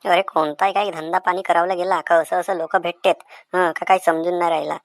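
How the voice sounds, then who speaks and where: A defensive, grumbling village mango seller, as a man voices him, talks in a sing-song Vidarbha Marathi lilt at a mid pitch. The cartoon voice sounds close and dry. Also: little pitch movement, a little fast, dry recording. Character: cheerful singing village mango seller Diwakar.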